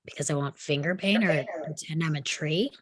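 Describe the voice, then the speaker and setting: In a screenplay table read, a woman with a low voice speaks at normal speed as a defiant, sardonic young psychiatric patient. Her delivery is guarded, dry and challenging.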